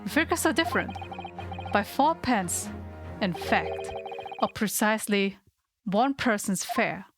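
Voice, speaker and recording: A woman voicing an earnest, insistent male defence lawyer from a video game in a formal, deliberate way. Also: medium pitch, big pitch swings. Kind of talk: amateur voice acting of game dialogue. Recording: game music behind the voice.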